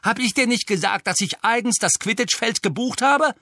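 A man's voice: medium pitch, very animated, fairly quick, fairly bright tone, no room sound, clean studio sound. A man reading an audiobook, voicing an angry teenage girl who captains a sports team. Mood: furious. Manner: angry, hissing, jabbing.

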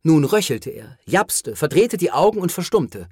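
A narrator giving an expressive, lively audiobook reading. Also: medium pitch, moderate pace, breathy edge, no echo, clean studio sound.

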